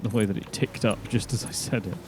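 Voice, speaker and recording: Playful man, co-op gamer, fairly low voice, noisy recording. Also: fairly even intonation, a little fast. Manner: chatty, playful, self-mocking. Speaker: co-host and player. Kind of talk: casual gameplay chat. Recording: noisy background.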